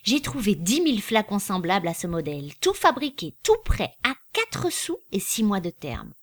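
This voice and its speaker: A woman's voice: mid-range voice, very animated, normal speed. A woman voicing an earnest young male clerk, eagerly recounting his deal. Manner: eager, storytelling.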